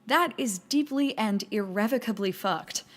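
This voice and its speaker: A woman's voice: mid-range voice, animated, measured pace. Wry young woman co-host. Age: young adult. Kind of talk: scripted comedic news commentary.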